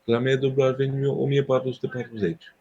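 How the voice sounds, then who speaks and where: A man chatting casually with a teammate during an online shooter, relaxed and rambling in half-finished sentences. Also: mid-range voice, lo-fi sound, a little hiss or hum. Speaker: teammate, co-player. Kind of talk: casual chat while gaming.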